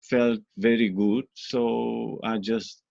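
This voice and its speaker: A man's voice: medium pitch, level tone, takes it slowly, creaky, a little mellow, no echo. A man from Bulgaria answering interview questions, hesitant, with many fillers. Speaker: interview guest. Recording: dull lo-fi dry sound.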